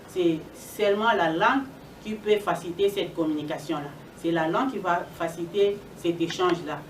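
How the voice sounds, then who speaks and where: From some distance in a reverberant, noisy room, a woman addresses an event as moderator. Her voice is on the low side. She is emphatic and repeats phrases to stress them. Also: normal speed. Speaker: event moderator introducing speakers. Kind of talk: public address.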